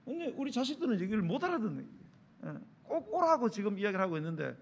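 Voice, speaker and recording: 생동감 있게 설교하는 남자 목사. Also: male voice, high voice, big pitch swings, racing, a little hiss or hum. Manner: acts out dialogues in character voices; asks the congregation rhetorical questions. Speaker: pastor. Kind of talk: sermon. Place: church sanctuary.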